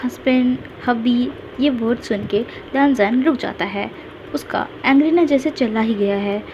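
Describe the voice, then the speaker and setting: A woman narrating a retold fan fiction story at a steady storytelling pace. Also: on the high side, unhurried. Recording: dull lo-fi with faint hiss.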